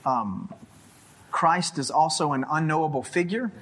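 Husky man lecturing in short chunks. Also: a little high, expressive, a bit bright. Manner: speaks in short chunks, pausing for translation. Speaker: theology lecturer. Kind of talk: lecture with live interpreter.

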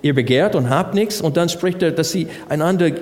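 A man's voice: fairly high pitch, brisk, darkish tone. A man preaching a sermon, working through Bible verses and asking the congregation rhetorical questions. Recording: long hall reverb.

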